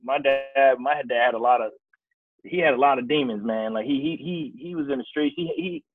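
Speaking at normal speed in a steady, mid-range tone, a Kansas City, Missouri man recounts his life as a casual podcast guest, restarting often. The sound is dry and tinny, phone-like.

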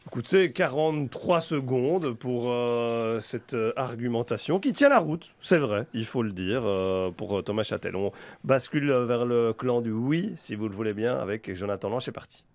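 A man's voice: medium pitch, lively intonation, normal speed, a little mellow, dry recording. A man hosting a football talk show, hesitant with many fillers as he links segments and debates. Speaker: host.

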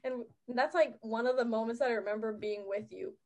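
A teenage girl casually recounting school memories to friends, animated when retelling. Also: fairly high pitch, fairly quick. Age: teens. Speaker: student in group chat. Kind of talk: casual chat.

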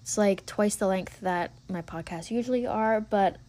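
A woman's voice: medium pitch, moderate pace, mellow. Chatty young woman podcaster. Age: 20s. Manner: earnest, chatty, encouraging, with many fillers. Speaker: podcast host. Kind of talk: casual solo podcast monologue.

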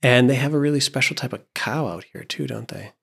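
A man in a casual family chat, prompting his child with gentle, playful questions about shared memories. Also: mid-range voice, brisk, gravelly, slightly rough. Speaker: parent talking with his child.

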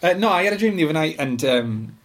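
A British man co-hosting a podcast, telling anecdotes casually in a monotone, with little stress on any word. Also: high-pitched, very fast, heavy background noise. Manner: monotone, flat delivery without word stress. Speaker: podcast co-host.

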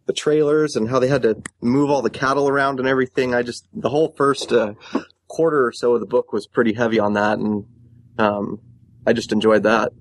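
A man in his thirties calling in over the phone to a podcast discussion, talking in a halting way with many fillers and restarts. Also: mid-range voice, steady tone, slight background noise. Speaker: caller.

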